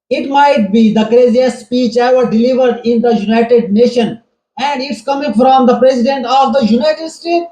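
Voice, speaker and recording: Male political commentator, notably high pitch, critical editorial delivery, audibly reverberant room. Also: a little mellow. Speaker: commentator introducing speech clips. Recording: roomy, echoing voice track.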